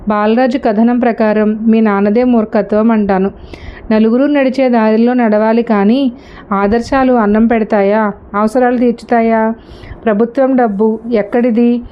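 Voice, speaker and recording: A woman's voice: on the high side, close to an everyday voice. A dismissive young husband, read by a woman. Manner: argumentative, talks down. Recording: slightly dull lo-fi recording.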